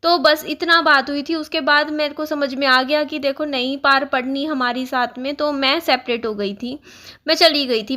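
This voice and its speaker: A woman's voice: high voice, bright, forceful tone. A young woman vlogger telling a personal story in a casual, earnest way, explaining at length with many fillers.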